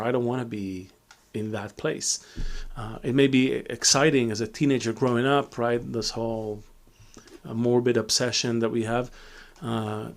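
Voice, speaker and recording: A middle-aged man from Israel giving a reflective live Q&A talk as a Kabbalah teacher, with many fillers and restarts. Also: mid-range voice.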